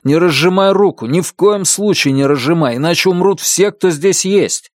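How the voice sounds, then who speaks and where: A man reading aloud and voicing a steady police detective who talks in a firm, reassuring way. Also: mid-range voice, measured pace, no echo, clean studio sound. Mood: steady urgent.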